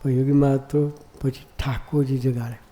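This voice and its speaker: A man's voice: mid-range voice, flat delivery, moderate pace, dark tone. A man giving a devotional discourse as a monk preacher, often asking the audience rhetorical questions.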